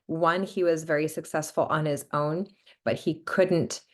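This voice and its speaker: A young woman with a sickly lowered voice, hosting a casual book club chat with lots of filler words. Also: steady tone, measured pace. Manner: chatty, many "like" fillers. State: sick, voice lowered.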